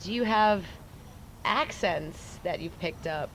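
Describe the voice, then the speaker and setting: A woman's voice: on the low side, slow pace, a bit bright, slight background noise. A woman from New York interviewing a guest, chatty and prompting with loose phrasing. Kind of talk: casual interview.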